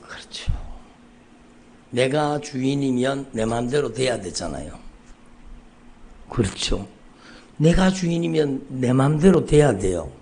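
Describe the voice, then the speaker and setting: A man preaching a sermon as pastor, repeating his phrases and rising to loud, fervent outbursts. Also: mid-range voice, animated, slow pace, pauses often, slight background noise. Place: church sanctuary.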